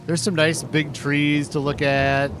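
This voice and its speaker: A man's voice: on the high side, little pitch movement, a little slow. A man casually commenting on his own farming game, rambling and thinking aloud in an easygoing way. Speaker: gaming channel host. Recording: music playing under the voice.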